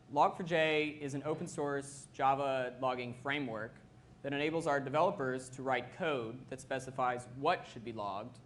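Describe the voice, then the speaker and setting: A man's voice: medium pitch, a bit bright, a little hiss or hum. A man giving an explanatory technical presentation as a systems administrator.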